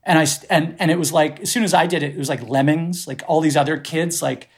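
A man's voice: on the high side, fast talker, husky. A middle-aged man from the Boston area, a podcast guest, telling rambling, profane, self-deprecating stories full of restarts. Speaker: podcast guest, festival producer. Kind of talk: casual storytelling conversation.

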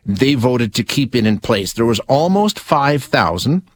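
A man's voice: medium pitch, big pitch swings, unhurried, breathy edge, dry recording. A man hosting a news segment, reading the story steadily and then putting casual questions to a guest. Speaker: radio interview host. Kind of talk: news report and interview.

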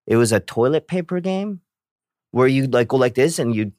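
A man in casual chat who tells stories with animated acted-out reactions. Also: medium pitch, normal speed, no echo, studio quality. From South Korea. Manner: animated storyteller, acts out reactions.

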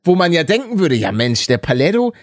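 Podcast co-host, male, from the Rhineland; teasing, joking, animated voice, dry close mic. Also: a little high, fairly quick, no echo. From Rhineland, Germany. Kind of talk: casual podcast banter.

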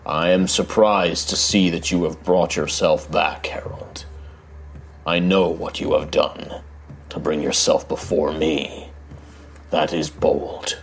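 A man voicing an ancient, solemn giant guardian of metal and stone in tabletop role-play, with a deep rumbling voice and formal, grave speech. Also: fairly even intonation, slow, slight background noise, full character voice. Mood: stern judgement.

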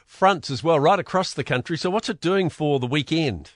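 A man's voice: on the high side, normal speed, no room sound, clean studio sound. A man with a New Zealand accent hosting a conversational radio interview in an informal, matey way. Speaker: radio host.

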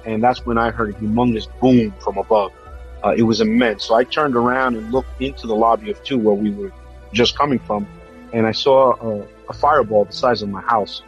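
A man, a police officer, recounting what he lived through in halting testimony, with frequent fillers and restarts. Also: lowish voice, steady tone, muffled recording, faint music behind. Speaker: police officer recalling a disaster.

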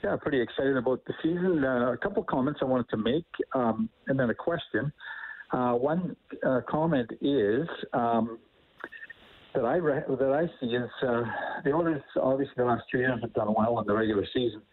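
A man calling in to a sports talk show over the phone, hesitant and pausing with ums. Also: medium pitch. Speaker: caller. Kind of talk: sports call-in chat. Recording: tinny phone line.

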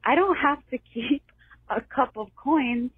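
A woman leaving a voicemail for a podcast, telling a small story in a slow, halting way. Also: high voice, breathy edge, no room sound. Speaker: voicemail caller. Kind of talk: voicemail message. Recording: tinny phone voicemail.

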